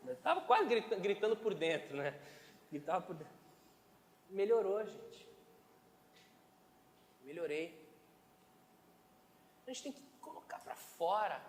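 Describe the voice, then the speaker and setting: A man with a fairly high voice delivers a conversational sermon, checking in with his congregation as he goes. He is recorded in a church hall, so the sound is roomy and echoey. A long reverb trails after his phrases. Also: slight background noise. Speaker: pastor.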